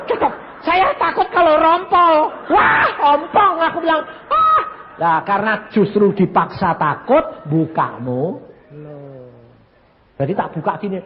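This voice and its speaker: Here the Javanese-accented evangelist, a man in his eighties from Central Java, Indonesia, preaches a testimony sermon in a high-pitched voice. He tells animated stories complete with sound effects, while the dull audio has a long reverb tail and slight background noise.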